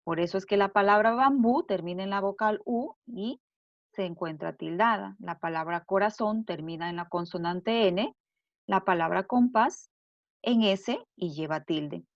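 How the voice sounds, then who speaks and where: Woman, teacher, grammar lesson, deliberate, repeats examples, lo-fi, dry room. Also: medium pitch, dry recording. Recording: dull lo-fi dry recording.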